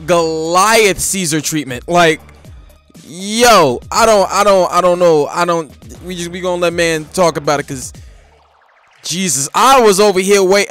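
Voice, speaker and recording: A man hosting a reaction video, talking in excitable slang and laughing often. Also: high-pitched, clean tone. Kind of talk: casual reaction commentary.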